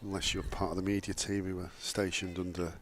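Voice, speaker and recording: A man's voice: low voice, flat delivery, fairly quick, a bit bright, slight background noise. A man with a Northern English accent giving live cricket commentary outdoors under a gazebo, jokey and self-deprecating.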